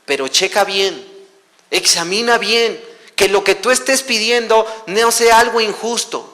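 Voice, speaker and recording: A man with a Mexican Spanish accent preaching a sermon, earnest and confessional, moving between raised and hushed delivery. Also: high-pitched, unhurried, long reverb tail. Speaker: pastor. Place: church hall.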